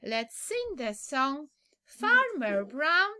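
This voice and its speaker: A woman's voice: sits high, very animated, drawn-out words, pushed and bright. A woman with a Polish accent teaching English to small children, as if reading to a toddler, in an exaggerated sing-song manner with much repetition. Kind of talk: simple language lesson for small children.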